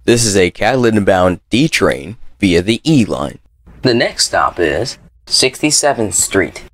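A man reading scripted transit announcements like a subway or airport announcer, in a formal, measured manner. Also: fairly low pitch, expressive, fairly bright tone, no echo. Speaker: train announcer.

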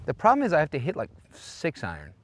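A man chatting and joking while playing golf outdoors, getting excited over his shots. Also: on the high side, quick pace. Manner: excitable, joking, yells when shots land. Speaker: golf vlogger. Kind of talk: casual banter on the golf course.

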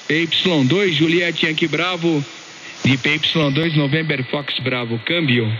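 Male Brazilian radio operator, somewhat high and husky, chummy, band-limited transmission. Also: fairly even intonation, a little slow, pushed and bright, slight background noise. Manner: chummy, colloquial. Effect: two-way radio. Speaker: amateur radio operator leading the exchange. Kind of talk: casual ham radio chat. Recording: dull, band-limited shortwave radio audio.

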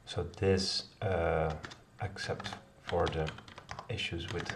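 Speaking slowly in a low voice with little pitch movement, a middle-aged man works through a coding kata live from his home office, full of fillers and self-corrections as he thinks aloud. The mic picks him up from a distance, along with clear noise and the clicks and taps of his keyboard.

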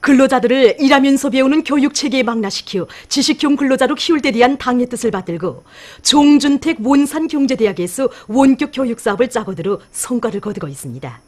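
A woman's voice: high-pitched, animated, brisk, hardly any pauses, a little mellow. A woman with a North Korean accent reading formal scripted news narration.

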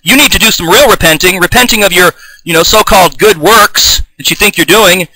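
Fired-up man preaching with a high bright voice. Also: a little fast, no room sound, poor audio. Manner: fired-up, combative, denouncing opponents; frequent restarts and throat clearing. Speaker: self-taught online preacher. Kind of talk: improvised video sermon with scripture reading.

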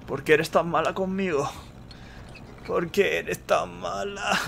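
A man from voicing a drunk, weepy young female cat, talking in a slurred, wobbly, drawn-out way. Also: mid-range voice, a bit bright, soft background music. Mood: drunk pleading.

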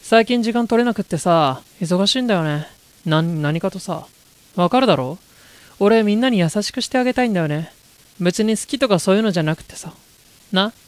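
A game streamer voicing a cocky, glib teenage playboy from a horror game, with rough male slang. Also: medium pitch, lively intonation, brisk, no echo, natural voice. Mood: glib, smooth.

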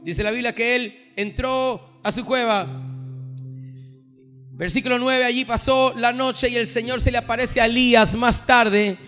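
High-voiced, bright-toned preaching man. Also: fairly even intonation, measured pace, soft background music. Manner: preaching with rising, declaiming intensity. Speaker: pastor. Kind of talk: sermon. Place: livestreamed from a church or studio.

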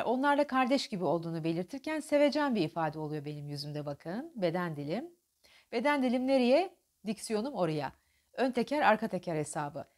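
Woman diction teacher, very lively intonation, explains then recites poetry with deliberate pauses. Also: a little high. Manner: alternates explanation with dramatic poem recitation, marked pauses and stress. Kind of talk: diction lesson with poetry reading.

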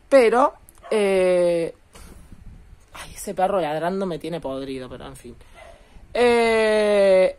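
A woman, casually and indignantly recapping a TV episode in a chatty, animated way. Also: mid-range voice. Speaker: commentator.

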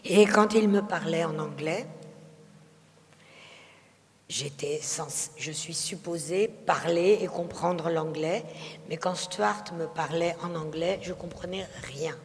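A woman's voice: fairly low pitch, takes it slowly, in a large hall. A woman from France, a film director, giving reflective interview answers at a public talk. She hesitates often, with many fillers and restarts. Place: festival talk hall.

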